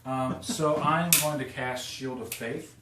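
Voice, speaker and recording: A man's voice: medium pitch, steady tone, takes it slowly. A man playing a paladin at a tabletop game, talking hesitantly with many ums. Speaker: player, paladin. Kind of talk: casual tabletop play. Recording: echoey room, loud noise, mic far off.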